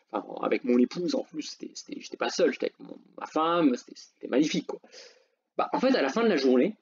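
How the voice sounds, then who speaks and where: A man's voice: mid-range voice, darkish tone, a little hiss or hum. A middle-aged man talking casually in an unscripted monologue, full of fillers and repeated words. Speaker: personal finance YouTuber. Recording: slightly dull lo-fi sound.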